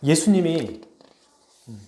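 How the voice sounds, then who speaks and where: A man preaching a sermon as pastor, telling a story with lively, questioning delivery to his congregation. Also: a little high, slow pace, roomy sound, slight background noise. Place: church sanctuary.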